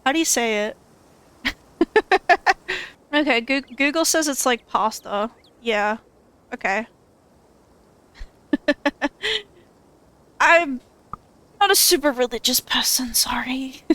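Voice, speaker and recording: A woman's voice: high-pitched, animated, slow, pauses often, a bit bright. A woman streamer reading through a story game, with casual, giggly, self-deprecating asides. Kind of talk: game playthrough with read-aloud dialogue.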